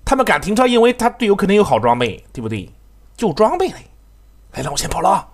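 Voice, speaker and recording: A man giving excitable, profanity-laced live commentary on his own game, laughing and talking to his teammates. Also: sits high, fast talker. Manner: excitable, swears often, laughs, talks to teammates. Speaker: game streamer.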